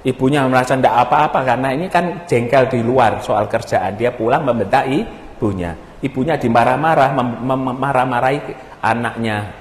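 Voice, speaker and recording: A male pastor preaching a sermon, telling lively stories with jokes and questions to the congregation. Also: mid-range voice, normal speed, a little hiss or hum. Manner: animated storytelling with jokes and rhetorical questions. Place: church sanctuary. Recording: echoey church hall.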